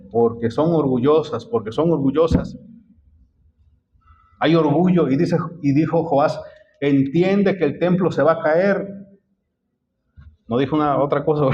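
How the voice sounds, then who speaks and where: A man's voice: medium pitch, darkish tone, highs cut off, a little hiss or hum. A man preaching a sermon as pastor, often stopping to quiz the congregation with repeated questions.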